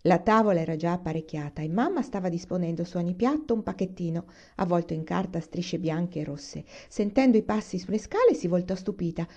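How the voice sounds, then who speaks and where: A woman reading a children's novel aloud in a calm, unhurried storytelling manner. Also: fairly low pitch, dull audio. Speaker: reader.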